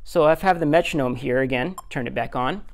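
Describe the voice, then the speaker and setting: Male music teacher, mid-pitched voice, patient and step-by-step, counts beats aloud. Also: quick pace, slight background noise. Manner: self-deprecating. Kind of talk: recorded classroom lesson.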